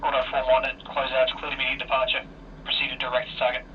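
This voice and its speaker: A man's voice: mid-range voice, completely flat delivery, fast. Man calling instructions over a radio. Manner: clipped, procedural. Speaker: air traffic controller. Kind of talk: radio procedure calls. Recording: distant, muffled noisy radio.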